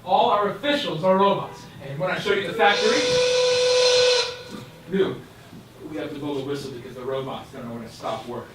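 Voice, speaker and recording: Man as proud factory director, brisk and matter-of-fact; noisy distant recording. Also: a little high, lightly acted. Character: smug male factory director showing off robots. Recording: echoey room from far off with noise.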